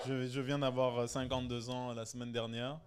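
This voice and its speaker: Guesting on a live podcast at a venue before his stand-up set, a thirty-something comedian originally from Senegal speaks a little fast in a level, mid-range voice with a bit of hiss or hum on the audio. His chat is casual, full of jokes, frequent laughter and restarted sentences.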